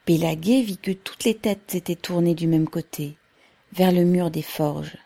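Woman reading a novel out loud, really slow, low-ish warm voice. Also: gravelly. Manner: measured, unhurried reading. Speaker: audiobook narrator. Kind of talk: scripted novel narration.

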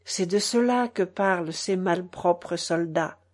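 A wistful young seamstress with a soft, drawn-out way of talking, put on by a woman reading a storybook aloud. Her pitch sits in the middle of a woman's range, and she speaks with quiet tenderness. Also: sing-song. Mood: gentle.

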